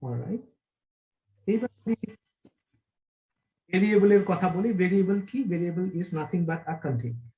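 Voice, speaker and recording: A teacher leads an online programming class in a mellow, warm voice at a middling pitch. The explanation piles up several synonyms for each idea and keeps stopping to ask the class whether it follows. The audio is dull and lo-fi. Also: animated, slow pace, long pauses. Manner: asks the class frequent check questions.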